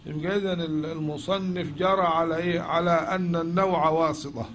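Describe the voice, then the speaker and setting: Man, Egyptian accent, classroom lecture, questions the students, higher voice, faint noise. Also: steady tone, brisk, fairly bright tone. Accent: Egyptian Arabic. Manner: asks questions and answers them himself. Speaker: teacher of logic.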